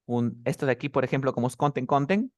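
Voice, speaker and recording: In a one-on-one language lesson, a man with a middle-pitched, slightly mellow voice teaches pronunciation and quizzes his student rapidly. He slowly models each example sentence repeatedly to show the stress. The audio is close and dry, without room echo.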